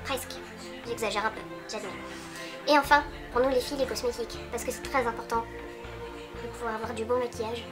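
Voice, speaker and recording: A woman's voice: on the high side, steady tone, brisk, over music. A young woman from the French side of the German border, joking through a comic video monologue and talking straight to her viewers. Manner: playful, teasing, addresses viewers directly. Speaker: vlogger.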